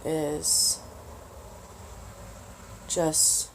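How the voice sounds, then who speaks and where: Tired woman talking slowly. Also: deep voice, monotone, a little hiss or hum. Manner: slow, halting, many pauses and fillers. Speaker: vlogger. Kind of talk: casual budgeting advice vlog.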